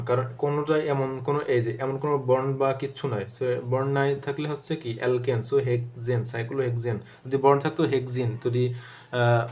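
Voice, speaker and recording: A young man with a Bangladeshi Bengali accent works through chemistry exam questions like a tutor. His voice stays flat and even in pitch. He fills the gaps with hesitations, corrects himself mid-word and drills memory tricks by repeating them. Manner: thinking aloud with many fillers and self-corrections. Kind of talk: exam-prep lecture, solving multiple-choice questions.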